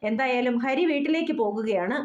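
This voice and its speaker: Woman voicing a brisk practical young man, reassuring, storybook figure, high voice, dull sound. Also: darkish tone, close to an everyday voice. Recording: roomy, dull lo-fi.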